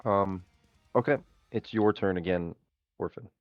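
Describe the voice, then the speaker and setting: A man's voice: on the low side, a little slow, no echo, lo-fi sound, faint music behind. A man acting as game master, explaining dice rules in a loose, rambling way. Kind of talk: running a tabletop game on stream.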